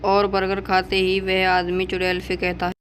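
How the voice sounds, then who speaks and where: A storybook narrator for a cartoon horror tale, speaking in a strikingly flat, unvarying tone. The delivery is plain and even throughout. A faint noise hangs behind the voice. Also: medium pitch, normal speed.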